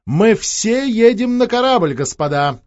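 A man's voice: mid-range voice, lively intonation, moderate pace, vocal fry, darkish tone, husky, dry recording. A male narrator voicing a proud, imperious young princess in an audiobook, heard on a dull, dry lo-fi recording. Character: haughty young woman, a princess.

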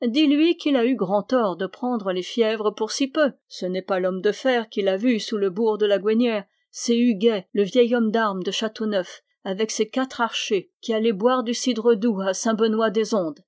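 A storybook dwarf, voiced by a woman, mischievous and boastful, who teases everyone with a mocking, playful lilt. His voice sits fairly high, and the sound is close and dry with no room around it. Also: a little slow, few pauses, a little mellow, dry recording, lightly acted. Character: mischievous male dwarf, teasing, showy, boastful.

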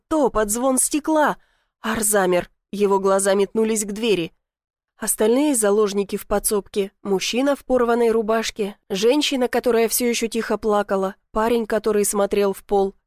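A woman's voice: medium pitch, normal speed, a little mellow, no echo, clean studio sound. A woman reading a first-person novel aloud, telling it tensely and dramatically. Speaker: audiobook narrator.

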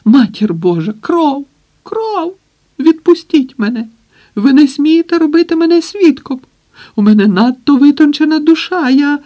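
A man voicing a panicking, effete male writer who shrieks in a very high voice. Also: expressive, a little slow, warm tone. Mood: hysterical.

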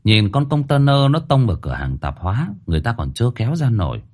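Husky storyteller man. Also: fairly low pitch, fast. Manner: expressive, emotional storytelling. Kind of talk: dramatic story narration.

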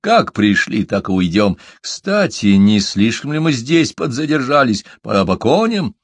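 A man's voice: mid-range voice, big pitch swings, measured pace, no room sound. A man voicing a male warrior leader who urges and commands the others. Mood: urgent. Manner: urging, commanding.

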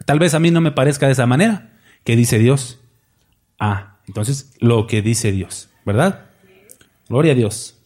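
A man's voice: medium pitch, a little slow, long pauses, a little mellow. A man preaching a sermon as pastor, folksy and joking, often putting questions to his congregation.

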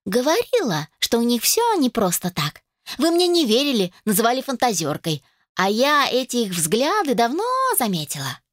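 A woman's voice: on the high side, moderate pace, no echo, clean studio sound, voice pushed up, natural voice. A woman voicing a smug, insistent young girl cousin who claims she knew all along.

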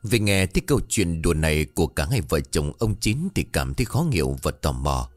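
A man narrating a scripted spoken story in a steady, measured way. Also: very deep voice, no echo.

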